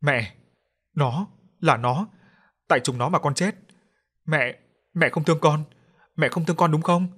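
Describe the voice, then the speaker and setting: A hoarse, furious ghost of a burned young woman, put on by a male narrator, rasping her threats in a husky, breathy voice. A horror audiobook figure, raised in pitch and loud. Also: a little slow, pauses often. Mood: anguished.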